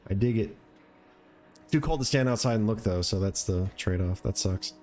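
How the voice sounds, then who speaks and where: A man's voice: fairly low pitch, expressive, moderate pace, a little mellow, soft background music. A man giving casual commentary as he plays a video game, talking in a laid-back, rambling way. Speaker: gamer, let's play streamer.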